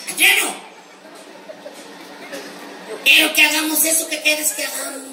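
A man playing a naive, boastful rural ranch hand with a Mexican accent, telling bawdy stories and bursting into shouts. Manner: high squeaky voice, bawdy punchlines, shouted outbursts. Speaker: stand-up comedian in character. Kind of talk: live comic monologue. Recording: roomy live venue from far off, crowd and noise.

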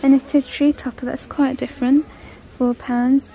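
A woman with a high, mostly flat voice strolls through a big indoor retail store, filming on her phone and chatting about prices in a relaxed shop-with-me vlog. She speaks unhurriedly, with a mellow tone and some vocal fry, and the handheld recording is rough.

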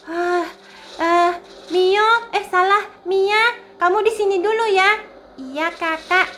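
A woman doing a bossy, bright teenage girl. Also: very high voice, unhurried. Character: bossy teenage girl protecting younger kids.

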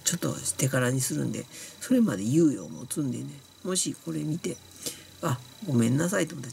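A man's voice: on the high side, vocal fry, darkish tone, slight background noise. A man with a Kansai accent, tipsy and sleepy from drinking, bluntly scolding viewers in a rambling casual monologue. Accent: Kansai Japanese. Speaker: YouTuber talking to viewers.

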